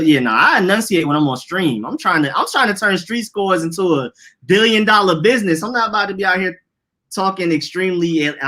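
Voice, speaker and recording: A young man with an Atlanta accent co-hosts a podcast, his voice a bit high, pushed and bright. In casual chat he tells loose, rambling stories full of slang.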